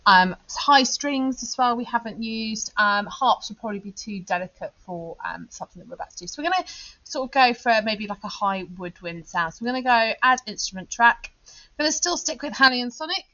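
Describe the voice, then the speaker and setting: An English woman and music teacher talks through a software tutorial step by step, thinking aloud with fillers. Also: a little high, lively intonation, brisk, dull audio. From England. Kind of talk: screen-recorded software tutorial.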